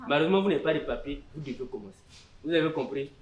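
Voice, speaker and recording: A man plays a patient village chief with an Ivorian French accent, steady and instructive. His voice sits a little high. The room rings with echo. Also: racing, lightly acted. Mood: calm. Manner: calm, authoritative, instructive. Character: village chief mediating a land dispute, patient adult man. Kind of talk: community theatre acting.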